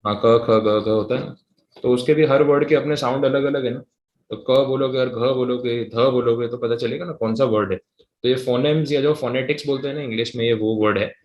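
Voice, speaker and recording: A man teaching a live class, explaining at a casual pace and slowly dictating definitions word by word. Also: medium pitch, fairly even intonation, darkish tone, reverberant, muffled recording. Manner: switches between conversational talk and English reading.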